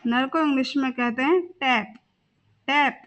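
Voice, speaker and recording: Young woman teacher going thru vocab words, high voice, slow, says each one twice. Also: a bit bright, lo-fi sound. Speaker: English teacher. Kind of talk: vocabulary lesson.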